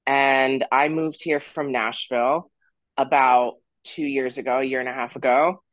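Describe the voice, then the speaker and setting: A man's voice: mid-range voice, fairly even intonation, a little slow, fairly bright tone, dry recording, muffled recording. A man in his twenties who grew up in Florida, a podcast guest telling his story in a candid, rambling way with stops and restarts. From Florida, USA. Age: 20s. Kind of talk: casual interview storytelling.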